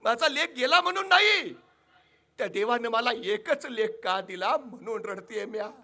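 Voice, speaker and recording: A woman's voice: lowish voice, lively intonation, normal speed, fairly bright tone. A male orator voicing a grieving, proud old village mother who speaks in rustic, scolding words. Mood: fierce. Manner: rural village speech, scolding and fierce.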